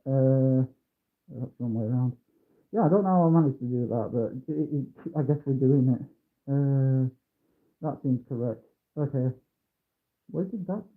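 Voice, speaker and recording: A man's voice: mid-range voice, unhurried, pauses often. A man livestreaming while building a kit, his voice muffled as though through a mask or a wall, mumbling and humming to himself. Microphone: phone mic. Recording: tinny muffled phone audio.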